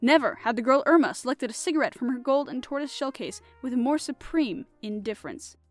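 A woman podcast host reading a classic mystery novel aloud in an expressive, animated style. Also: sits high, a little fast, soft background music. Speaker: podcast host and audiobook reader. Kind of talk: audiobook narration.

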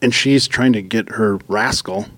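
A man telling a story in casual chat, exasperated, swearing freely, and animated as he rants. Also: lowish voice, a little slow, no echo.

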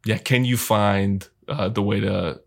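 Low gravelly-voiced man, flat delivery. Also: measured pace. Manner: rambling, thoughtful, many fillers. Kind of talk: casual podcast chat.

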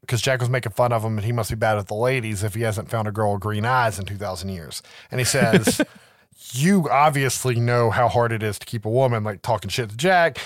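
With a medium-pitched voice, a man hosting a podcast chats loosely through a film recap, cursing freely and repeatedly adding "right?" He sounds laid-back, recorded close on a dry mic without any room sound.

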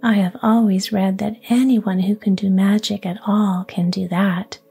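A woman's voice: medium pitch, fairly even intonation, unhurried, gravelly, breathy edge, faint music behind, heavily acted. A woman whispering a sly young princess. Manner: hushed, sly whispered dialogue. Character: clever, commanding young princess.

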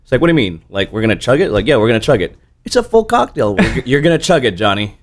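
A man's voice: medium pitch, sing-song, racing. A tired man in his thirties, a bartender guest telling stories in a rambling way with many restarts and the odd curse. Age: 30s. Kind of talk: casual interview chat.

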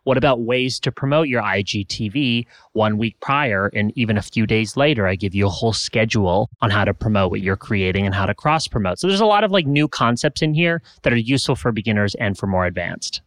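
A man co-hosting a podcast, chatting casually and reading a playful, animated sales pitch. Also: a little fast, hardly any pauses, dry recording. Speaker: podcast co-host. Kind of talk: casual podcast chat with ad read.

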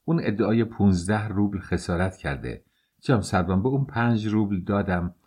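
A man's voice: fairly low pitch, a little mellow, breathy edge. A man voicing a flustered middle-aged landlady with a German accent who pleads her case indignantly. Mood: aggrieved.

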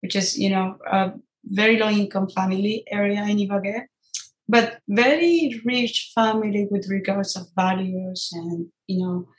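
A woman in her thirties with a Colombian Spanish accent talks through an interview in quick, earnest bursts, restarting phrases as she goes. Her voice sits in a middle pitch, and the room gives it a noticeable echo. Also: steady tone. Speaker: guest, chess grandmaster. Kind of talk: casual interview talk. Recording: roomy echo.

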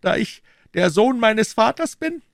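A man voicing an excitable young king in a high, fussy, scolding voice, reading a story aloud. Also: gravelly, no room sound, studio quality, exaggerated voice. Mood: teasing. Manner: shrill, fussy, quick to scold. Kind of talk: audiobook character voice.

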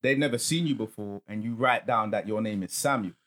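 Husky man, relaxed explaining. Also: fairly low pitch, fairly quick. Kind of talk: casual chat.

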